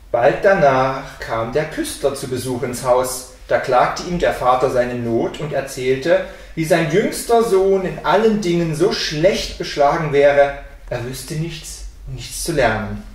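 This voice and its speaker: A woman's voice: sits low, lively intonation, a little slow. A woman reading a fairy tale aloud expressively at a library. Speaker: reader. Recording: echoey room from far off.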